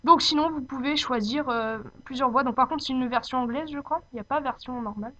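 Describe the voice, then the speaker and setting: Girl doing a homemade software tutorial, kinda high voice, hesitant and unscripted, muffled lofi mic. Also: a little fast. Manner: hesitant, searching for words. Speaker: tutorial presenter. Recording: dull lo-fi home microphone.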